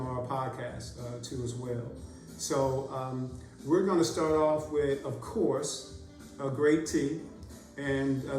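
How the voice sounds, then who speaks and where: A man with a mid-range, slightly mellow voice hosts a casual podcast. His speech is halting and packed with "uh" fillers. The distant mic gives it a roomy sound.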